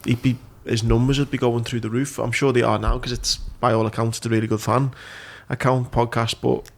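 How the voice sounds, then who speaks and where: In a small indoor office studio, a thirtysomething Liverpudlian podcast host chats casually into a desk microphone, sweary and informal. His mid-range voice is gravelly and brisk, with little pitch movement.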